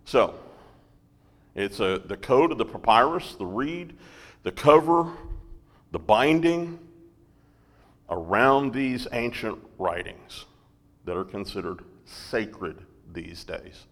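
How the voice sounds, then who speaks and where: With a big-room sound, a man with a fairly low, expressive and slightly bright voice gives a slow Bible lesson. He repeatedly checks in with the class by asking "right?" and "okay?".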